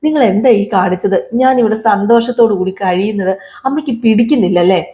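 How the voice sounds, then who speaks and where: Woman playing a resentful young wife, accusing, sharp questions, warm mellow tone, soap recap. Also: medium pitch, a little fast, natural voice.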